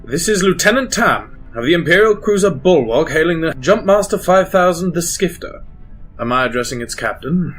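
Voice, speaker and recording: In a sci-fi audio drama with music in the background, a man plays an anxious, dutiful Imperial lieutenant giving formal commands. His voice is on the high side, animated, a bit bright and slightly rough, at a moderate pace, and his military formality carries a slight nervousness.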